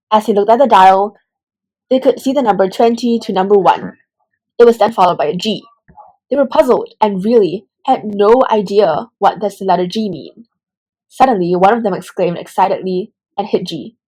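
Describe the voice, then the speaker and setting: A woman's voice: medium pitch, a little mellow, low-quality recording. A woman hosting in a scripted, upbeat joke-telling style, using Singlish phrases. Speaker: host.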